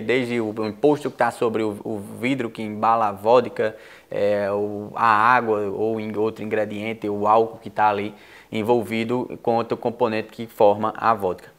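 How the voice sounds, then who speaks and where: A man with a Brazilian accent explaining things as a guest in a studio interview. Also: mid-range voice. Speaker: guest, business association leader.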